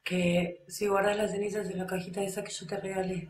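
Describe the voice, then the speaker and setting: A woman's voice: medium pitch, little pitch movement, fairly quick, roomy sound, distant mic, slight background noise, close to an everyday voice, rough recording. An actress with an Argentine Spanish accent playing an abandoned woman who pleads with her former lover over the phone, answering a caller no one else hears. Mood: hushed, pleading. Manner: speaks to an unheard caller, breaks into screams and sobs. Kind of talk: stage monologue on the phone.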